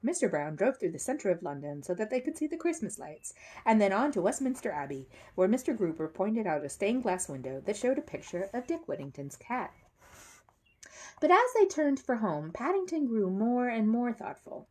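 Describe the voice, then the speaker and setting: A woman with a mid-range voice reads a children's book aloud at normal speed, telling the story expressively.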